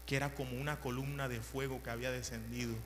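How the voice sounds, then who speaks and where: A male preacher telling a story in a sermon, animated and repetitive, swinging from hushed to loud. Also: medium pitch, fast talker, big-room sound, a little hiss or hum.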